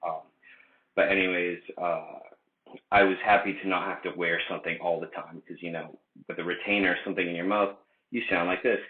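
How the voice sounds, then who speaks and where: Deep-voiced man, rambling vlog, tinny echo. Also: fairly even intonation, a little fast. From United States. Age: late 20s. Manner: rambling, many fillers and restarts. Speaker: vlogger. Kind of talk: casual unscripted vlog. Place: indoor room. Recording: echoey room, tinny phone-like sound.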